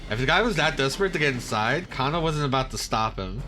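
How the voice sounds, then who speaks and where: Guy reading a game out loud w/ asides, bright lively voice. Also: medium pitch, fast talker, soft background music. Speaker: let's-play host reading a story game. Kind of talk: reading game text aloud with commentary.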